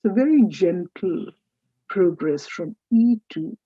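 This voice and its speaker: A woman teaching French in a recorded lecture, saying each letter slowly and stressing its sound. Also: on the low side, expressive, dark tone, breathy edge, dry recording, lo-fi sound.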